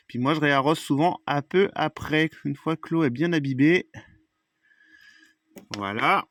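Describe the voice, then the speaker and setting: A man talks through a gardening tutorial, chatty and a little halting, filling gaps with "euh" and quick apologies. His voice sits a bit high, and the sound is dry and close with no room echo. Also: fairly bright tone. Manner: chatty, loose, many fillers and apologies. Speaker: gardening vlogger. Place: greenhouse.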